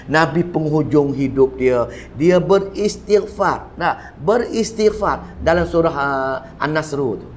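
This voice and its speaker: A man with a Malaysian Malay accent giving a Quran commentary lecture, telling stories with lively swings of voice for quoted figures and repeating words for emphasis. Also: high voice, slight background noise. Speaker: religious teacher.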